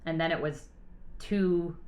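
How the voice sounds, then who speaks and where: A woman co-hosting a chatty podcast, her voice a little low for a woman. She tells stories in an animated way and laughs easily. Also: slow pace. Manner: animated storyteller, laughs often. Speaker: podcast co-host. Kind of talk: casual podcast chat.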